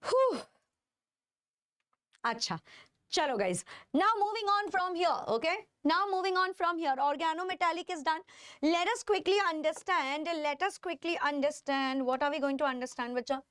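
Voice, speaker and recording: High-pitched Indian woman teaching. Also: moderate pace, fairly bright tone, dry recording, clean studio sound. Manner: repeats phrases and questions emphatically, checking in with listeners. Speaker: chemistry teacher. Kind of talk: live online lecture to students.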